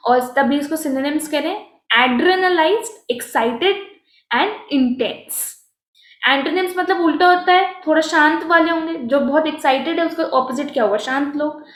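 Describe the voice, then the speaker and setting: Indian woman, online vocabulary teacher, high voice, echoey room, self-correcting explanations. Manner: explains in mixed Hindi and English, self-correcting.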